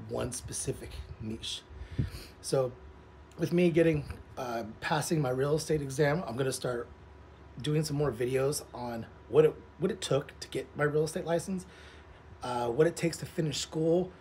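A man in his forties with a mid-to-low everyday pitch talks to camera like a vlogger. He rambles informally from one thought to the next. The recording is made outdoors, with clear ambient noise around the voice. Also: moderate pace, a little mellow. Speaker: vlogger, social media content creator. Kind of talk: casual vlog chat to camera. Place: outdoors, in a pool.

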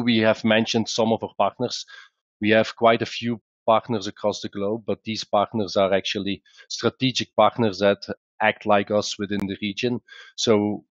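Speaking with a Belgian accent, the male founder of a company presents a webinar in a conversational, explanatory fashion, punctuated by "uh" pauses and restarted sentences. He has a fairly low pitch, and the dull audio carries no echo.

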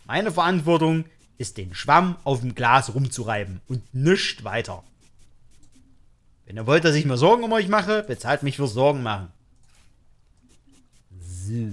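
A man narrates his run through a horror game for his viewers, cracking jokes and reacting loudly to every scare. His pitch jumps around constantly, full of life and quick exclamations. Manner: joking, excitable, talks to viewers. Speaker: gaming YouTuber. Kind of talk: let's play commentary.

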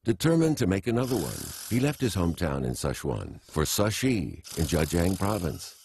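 Deep-voiced male documentary narrator. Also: very animated, normal speed, a little mellow, slight background noise. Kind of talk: scripted narration. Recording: faint music behind.

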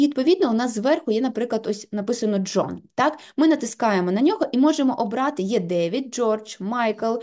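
A woman giving a patient, step-by-step software tutorial, leaning on filler words as she goes. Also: fairly high pitch.

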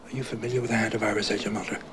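An actor playing a paranoid older conspiracy writer who talks in a hushed, urgent whisper, heard from a worn VHS tape copy. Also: male voice, fairly low pitch, level tone, racing. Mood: conspiratorial. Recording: hissy worn videotape copy.

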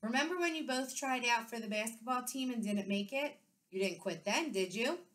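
A patient, loving mother of twin boys, as a woman teacher reads her lines, speaking softly and reassuringly. She is gently firm and encouraging, in an unhurried storybook read-aloud delivery. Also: on the high side, animated, voice pushed up. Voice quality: gentle, soft-spoken.

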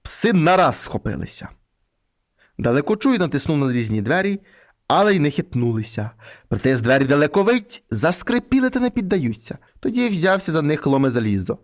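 A man reading a folk fairy tale aloud in an expressive storytelling manner. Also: a little high, a little fast.

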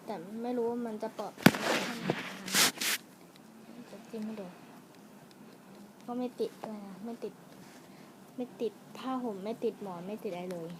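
A woman with a fairly high voice talks casually to her viewers while unboxing toys at home, wandering off into musings mid-sentence. It is a home camera recording with clear noise underneath. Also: moderate pace, long pauses. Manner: chatty, addresses viewers, trails off and muses aloud. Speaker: vlogger reviewing toys and snacks. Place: room at home.

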